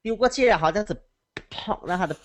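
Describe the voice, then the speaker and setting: Animated teacher telling stories. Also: male voice, sits high, fast talker. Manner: animated, laughs often. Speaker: schoolteacher. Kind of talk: casual storytelling on a call.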